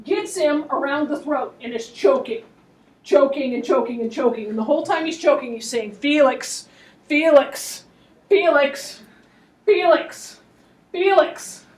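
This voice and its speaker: A woman lecturing on history as an animated story, with wry, laughing asides, recorded in a classroom. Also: high voice, normal speed, recorded from a distance.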